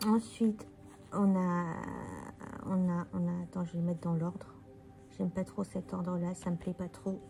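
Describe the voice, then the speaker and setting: Soft music plays behind a woman whose fairly low, gravelly, dark voice stays level and measured. Weary and relaxed, she thinks out loud while turning over and showing tarot cards in a casual walkthrough of the deck.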